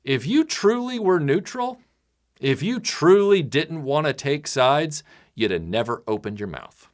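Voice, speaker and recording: A man speaking bluntly and casually to his supporters, now and then mimicking other people in loud, high voices. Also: sing-song, a little slow. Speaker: channel creator addressing patrons.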